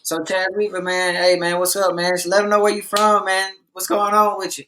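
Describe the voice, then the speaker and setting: Male podcast host, bright forceful voice, slightly high, hype and slangy. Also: completely flat delivery, a little fast, a little hiss or hum. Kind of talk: casual podcast hosting.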